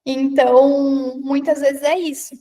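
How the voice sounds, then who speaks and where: This high-voiced woman has the accent of the Paraná interior and speaks slowly with a warm, level tone. Her live online talk to a women's group covers public presence and confidence. She addresses the audience directly, reads out their comments, and tags lines with "né?" again and again.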